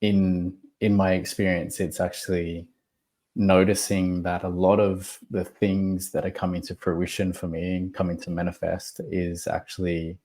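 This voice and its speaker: A man being interviewed as a podcast guest, talking slowly and reflectively with many pauses. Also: low voice, little pitch movement, a little mellow. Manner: slow, measured, thoughtful with pauses.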